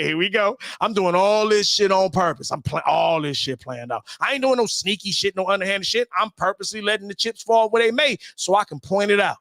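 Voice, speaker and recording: A man with a high, sharp-toned voice hosts his own channel in a heated livestream rant, recorded dry with clean studio sound. He swears heavily, repeats himself, and stumbles through stammering restarts.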